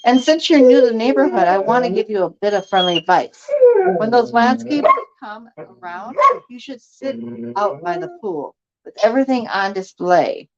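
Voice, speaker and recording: Brief: a woman putting on a gossipy, condescending neighbor woman, lively pitch, muffled lo-fi recording. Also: normal speed, lightly acted. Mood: confiding. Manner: chatty, condescending, prying. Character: nosy gossiping middle-aged woman neighbor.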